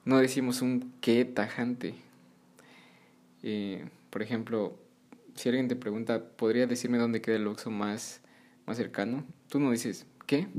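A man hosting a podcast language lesson, patiently repeating English phrases slowly for beginners. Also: medium pitch, steady tone, a little mellow. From Mexico. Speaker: podcast host and English teacher.

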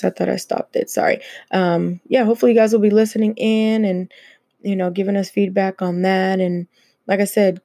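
A woman's voice: mid-range voice, mellow, no room sound, clean studio sound. A woman hosting her own podcast, talking casually and laughing often between many fillers. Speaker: podcast host. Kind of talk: casual solo podcast chat.

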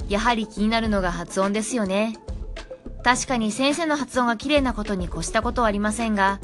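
A woman, an English teacher, giving parents advice in a clear, friendly, scripted talk. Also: fairly high pitch, a bit bright.

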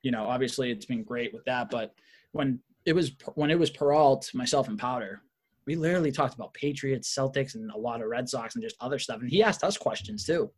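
A man hosting a casual sports podcast, telling stories in a relaxed, rambling way. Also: mid-range voice, brisk, breathy edge. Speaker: podcast host.

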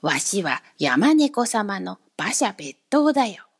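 A woman's voice: mid-range voice, sing-song, takes it slowly, breathy edge, pitched below the performer's own voice, full character voice. A woman voicing an odd little goat-legged coachman who talks in country dialect and is wheedling and easily hurt. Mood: sly rustic.

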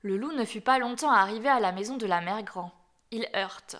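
A woman reading a classic fairy tale aloud in an expressive, measured storytelling manner. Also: a little high.

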